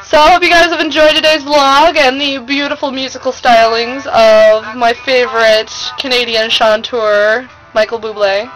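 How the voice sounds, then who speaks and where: Casting: American female vlogger, high voice, gushing and slangy, informal monologue over music. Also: fairly even intonation, normal speed, few pauses, fairly bright tone, rough recording. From United States. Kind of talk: casual chatty vlog monologue. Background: music playing.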